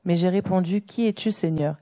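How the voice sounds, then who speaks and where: A woman reading scripture passages aloud in a steady, even manner during a sermon. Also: on the low side, fairly quick. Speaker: scripture reader.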